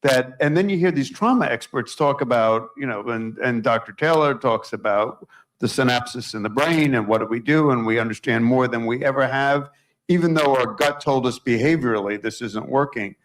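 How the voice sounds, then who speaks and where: A man's voice: medium pitch, moderate pace, low-quality recording. A man moderating a conference panel, building a rambling question full of restarts. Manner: searching, rambling rhetorical questions.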